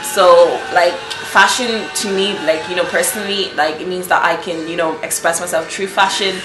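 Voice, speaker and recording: A woman's voice: on the low side, fairly even intonation, normal speed, reverberant, over music, poor audio. A nineteen-year-old woman from Nigeria, a fashion blogger answering interview questions casually, with lots of "um" and "you know". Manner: chatty, many fillers like "um" and "you know".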